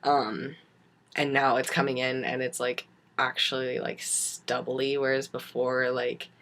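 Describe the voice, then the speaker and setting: A young adult man with a raspy smoker's voice, chatting casually and haltingly in a video diary. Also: mid-range voice, little pitch movement, pushed and bright. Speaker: vlogger giving a transition update.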